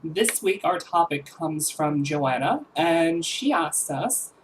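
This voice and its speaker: A woman's voice: sits low, animated, slow pace, slight background noise, rough recording. A woman in her twenties chatting casually to camera as a vlogger, rambling with fillers and self-corrections. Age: 20s.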